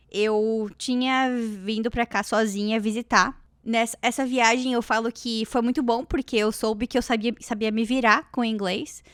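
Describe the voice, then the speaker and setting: A Brazilian woman hosts a podcast interview, keeping the casual chat encouraging. Her voice is on the high side, captured in a dry, close recording.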